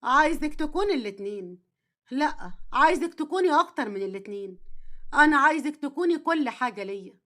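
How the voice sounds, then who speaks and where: A woman voicing a stern, reserved man in his thirties with an Egyptian accent, gruff and curt, then softly tender, in a storytelling drama. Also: high-pitched, animated, fast talker. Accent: Egyptian Arabic.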